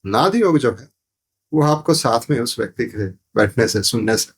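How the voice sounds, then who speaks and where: A sound therapy teacher appears as a podcast guest, explaining spiritual ideas in an interview. He teaches in a didactic way, repeating phrases and posing rhetorical questions. His husky, medium-pitched voice has lively intonation and a moderate pace.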